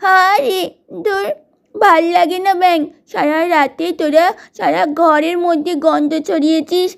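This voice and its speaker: A woman voicing a bossy, easily annoyed young aunt in a doll-play story, complaining loudly. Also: very high-pitched, creaky.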